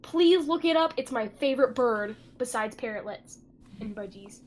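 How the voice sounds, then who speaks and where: High-voiced woman playing a tabletop game. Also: lively intonation, normal speed, darkish tone. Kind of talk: casual, playful game chat.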